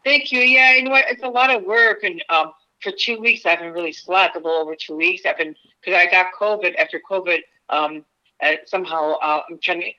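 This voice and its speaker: A woman's voice: lowish voice, brisk, sharp tone. A woman on speakerphone as a podcast guest, chatting casually and rambling with many fillers and restarts. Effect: on speakerphone, heard through a phone line. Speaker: podcast guest, stand-up comedian. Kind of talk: casual phone interview. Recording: lo-fi phone audio.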